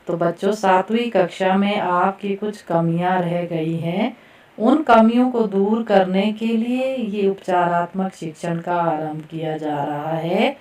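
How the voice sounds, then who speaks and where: Slow, careful woman teaching pronunciation. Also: lowish voice, darkish tone. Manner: slow and careful, repeats words for students to echo. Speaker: Hindi teacher. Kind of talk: classroom lesson, pronunciation drill. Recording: echoey room, voice from far off the mic.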